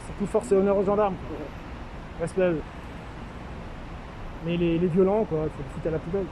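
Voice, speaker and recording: A man with a notably high voice speaks through a face mask, slightly muffled. He talks informally and haltingly, as in a street video update, with clear traffic and urban noise around him. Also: fairly even intonation. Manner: halting, drawn-out hesitations. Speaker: street medic caring for a homeless man. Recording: noisy outdoor street with traffic.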